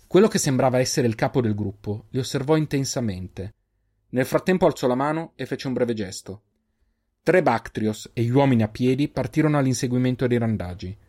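Measured male story narrator. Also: medium pitch, animated, dark tone. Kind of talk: audiobook narration.

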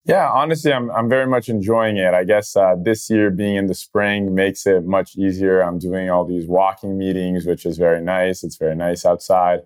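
A young man from Brazil, a startup founder, telling his story in a relaxed interview with many fillers. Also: sits low, normal speed, hardly any pauses, smooth. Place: outdoor event venue.

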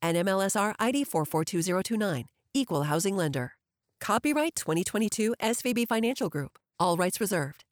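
A woman's voice: medium pitch, lively intonation, a little fast, no room sound, clean studio sound. A woman narrator reads a scripted legal disclaimer in a formal, precise way. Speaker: disclaimer narrator for a financial podcast.

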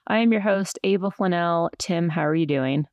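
A woman hosting a podcast in casual chat, with a creaky voice and a stiff, barely moving mouth as if numb from the dentist. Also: on the low side, moderate pace, dry recording, muffled recording. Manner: stiff-mouthed speech, numb-jawed after dental work. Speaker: podcast host.

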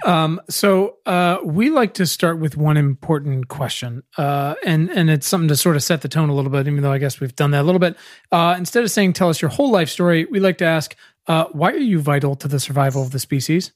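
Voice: medium pitch, a little fast, no echo. Jokey podcast co-host, dry sound. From Virginia, USA. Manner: jokey, self-deprecating. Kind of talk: casual podcast chat.

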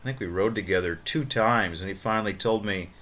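A man's voice: on the low side, a little fast, a bit bright. A man hosting a podcast monologue, talking in a playful, wordy and emphatic way. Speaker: podcast host.

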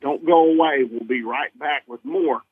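A man's voice: medium pitch, normal speed, breathy edge, dry recording. A man hosting an outdoors radio talk show in a folksy, informal way. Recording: thin telephone-like line.

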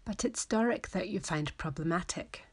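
A woman's voice: on the low side, moderate pace, slightly rough. A woman raised in Scotland and England, presenting a personal audio essay and interviewing. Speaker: researcher and podcast storyteller.

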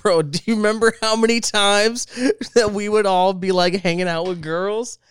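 A man's voice: high-pitched, steady tone, moderate pace, smooth, no room sound. A young man hosting a podcast, chatting casually and laughing often. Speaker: podcast host. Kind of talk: casual chat.

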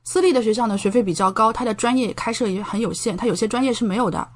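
Speaking fast in a voice on the high side, this young Chinese woman is a doctoral student and an interview guest. She explains things in a relaxed, conversational way.

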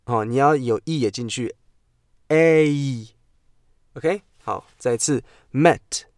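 A man teaching English pronunciation on a podcast, playful and repeating words slowly for drilling. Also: mid-range voice, dry recording, studio quality. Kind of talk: podcast lesson. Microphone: podcast mic.

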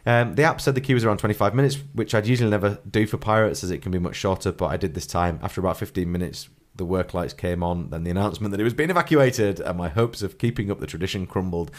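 A podcast host with a cold reads a listener's trip report aloud, his nose stuffy and congested, chuckling often and clearing his throat. He talks fast in a deep voice with few pauses.

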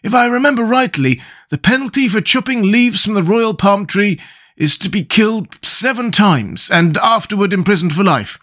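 A man's voice: sits high, animated, moderate pace, a bit bright, voice pushed up. A man voicing a wise, philosophical straw man in a storybook, speaking in a lofty, declaiming way. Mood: earnest.

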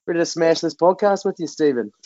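A man's voice: on the high side, fast, dark tone, no echo, dull audio. A man with a New Zealand accent chatting casually and colloquially as an interview guest. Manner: informal, colloquial, refers to himself in third person. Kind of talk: casual chat.

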